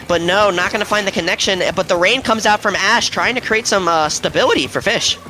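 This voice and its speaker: A young man casting a competitive video game match, excitable and jokey, shouting at players on screen. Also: high-pitched, brisk. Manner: hype, shouts at players, laughs often. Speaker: esports caster. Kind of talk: excited play-by-play commentary.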